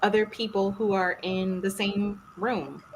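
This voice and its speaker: A woman hosting a casual podcast livestream, lively and teasing, often laughing. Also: medium pitch, unhurried, heavy background noise. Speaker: podcast host.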